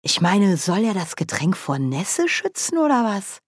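A woman reading an audiobook, voicing a cheeky, boozy old witch woman with a loud, high, cackling voice. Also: very animated, unhurried, no room sound, studio quality. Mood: merry. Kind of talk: audiobook character voice.

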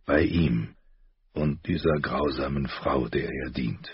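A man voicing a grave, gentle noble father in an audiobook, slow, soft-spoken and weighty, with a husky voice. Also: very deep voice, no echo, highs cut off, full character voice. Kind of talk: audiobook character voice.

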